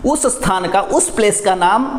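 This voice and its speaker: A man with a fairly high voice teaches pronunciation patiently, drilling syllables one by one and putting questions to his students. He calls them his dear children. The room around him is echoey. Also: expressive, moderate pace. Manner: patient, repeats syllables and asks questions to the class; addresses viewers as "my dear children". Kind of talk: Hindi pronunciation lesson.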